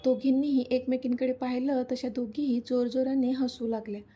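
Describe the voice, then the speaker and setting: Woman storyteller, high voice, very mellow, husky, gentle narration. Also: flat delivery, normal speed.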